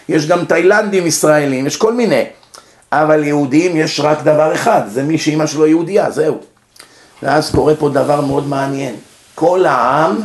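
Israeli man lecturing, echoey room, higher-pitched voice. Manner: didactic, asks and answers own questions. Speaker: rabbi giving a religious lecture. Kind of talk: informal Torah lecture to an audience.

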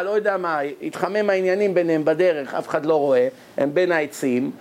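Animated high-voiced preacher man. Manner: animated, acts out characters' voices with sharp pitch jumps. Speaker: religious preacher. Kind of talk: sermon storytelling.

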